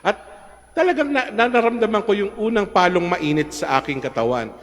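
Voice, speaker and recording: A man in his middle years with a Filipino accent preaches in an easy, conversational tone, often tossing a questioning "no?" to his listeners. His voice sits a little above the usual male pitch. Long reverb from a large church trails every phrase. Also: animated, brisk, a bit bright. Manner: conversational, mixes in English, asks "no?" of the congregation. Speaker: priest giving a homily. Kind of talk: sermon.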